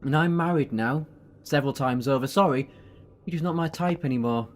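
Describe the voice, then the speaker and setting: A man's voice: on the high side, brisk, close to an everyday voice. A man acting as a glib, righteous time-travelling adventurer in an audio drama, with a theatrical, bantering manner. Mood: grave, firm.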